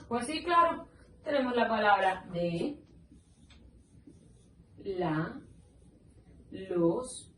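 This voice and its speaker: Slow, high-voiced woman teacher in echoey room. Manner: patient, spells words out slowly syllable by syllable. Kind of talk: slow explanatory lesson. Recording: roomy echo, mic at a distance, faint background noise.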